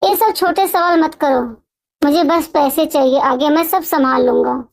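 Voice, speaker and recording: A woman's voice: high-pitched, normal speed, creaky. A woman voicing a cocky, scheming young man who talks in a smug, dismissive way.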